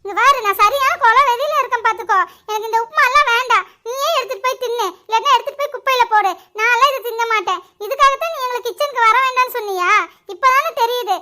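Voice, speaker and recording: A whiny, sulky cartoon girl, as a woman puts her on, with a squeaky, very high and bright voice. She talks quickly and pleads like a spoiled kid. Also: exaggerated voice. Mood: defiant. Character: sulky young girl, the daughter. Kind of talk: cartoon voice acting.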